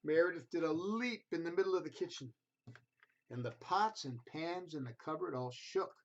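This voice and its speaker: This is a children's read-aloud story from a male reader whose delivery is deliberate and expressive, aimed straight at the listener. Sound quality is low-fi and a bit muffled.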